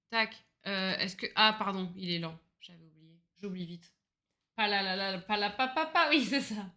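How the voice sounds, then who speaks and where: A woman's voice: medium pitch, sharp tone. A woman streaming a game, chatting casually in a rambling, self-mocking way, laughing often and swearing freely. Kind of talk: casual gaming livestream chat.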